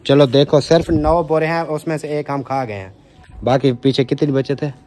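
A man's voice: a little high, fairly even intonation, normal speed, darkish tone. A man with a Pakistani accent vlogging from a village home, giving joking, bossy instructions to helpers as they move things. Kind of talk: casual vlog narration while directing helpers. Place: village house, indoors and outdoors.

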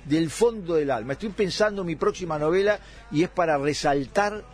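A man's voice: on the high side, brisk. A man in his sixties, born in Italy, arguing his side in a radio political debate with emphatic repetition. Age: 60s. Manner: emphatic, argumentative, repeats phrases for stress. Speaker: debate guest.

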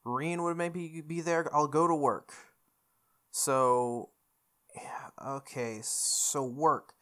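A let's play host reads a visual novel's lines aloud in character, then jokes around casually with viewers between them. The voice is mid-range and a bit bright, with a steady tone and an extremely slow pace.

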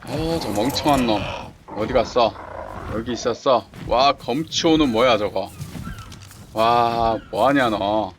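A man in the middle of a game stream, speaking slowly in a mid-range voice with game sounds clearly underneath. He chatters to the creatures on screen and breaks into quick repeated exclamations. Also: medium pitch. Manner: talks to himself and the game creatures, excited exclamations. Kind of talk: casual gameplay commentary. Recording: clear background game noise.

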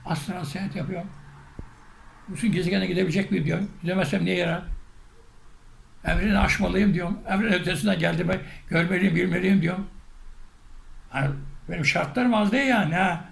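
A man, a spiritual teacher, recounting a personal story in an animated way and acting out the shouts and quotes in it. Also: high-pitched, a little fast, creaky, pauses often. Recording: echoey room with faint noise.

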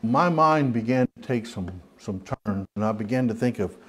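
In a church hall, a man with a Southern US accent leads an informal Bible study in a folksy, rambling manner, circling back with restarts and fillers. His middle-pitched voice is animated, fairly bright and breathy-edged, at a normal speed.

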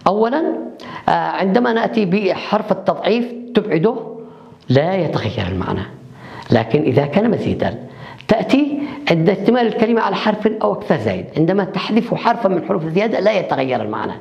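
A man's voice: sits high, very animated, fast, gravelly. A male university lecturer giving a recorded online lecture, explaining step by step and answering his own questions to the class. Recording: echoey room, dull lo-fi sound.

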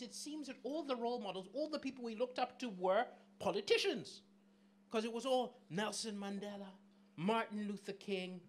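A middle-aged comedian from southern Africa works the crowd in a small club, holding a mic and firing questions at the audience in a lively, talkative way. His pitch is extremely high.

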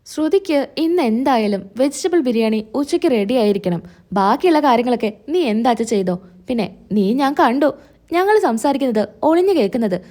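A woman's voice: high-pitched, lively intonation, brisk, a little mellow. A woman voicing a domineering older mother-in-law who speaks in a harsh, cutting, commanding way in a retold serial story. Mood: scornful.

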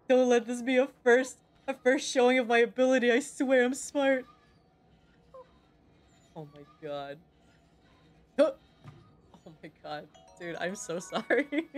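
A young woman streaming a game, swearing often and bantering in exasperation with her chat. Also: a little high. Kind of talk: casual gameplay streaming.

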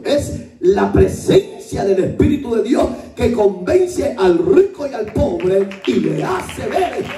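Pastor preaching, high mellow voice, lots of jokes, roomy echo, sounds far from the mic. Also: male voice. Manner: animated, joking storyteller. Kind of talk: Pentecostal sermon. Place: church hall.

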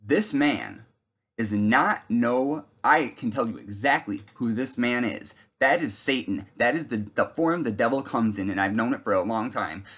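A man's voice: medium pitch, moderate pace. Earnest rambling man giving testimony. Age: 30s. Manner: earnest, rambling, with fillers and restarts; breaks off to shout at someone off camera. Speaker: video testifier. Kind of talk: religious testimony monologue.

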